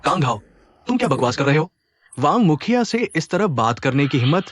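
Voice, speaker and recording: Loud bullying village man, threatening, sucks up to the boss, dubbed drama. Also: a little high, sing-song, brisk, a little hiss or hum. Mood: fawning. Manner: loud, threatening, then fawning. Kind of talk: Hindi-dubbed drama acting.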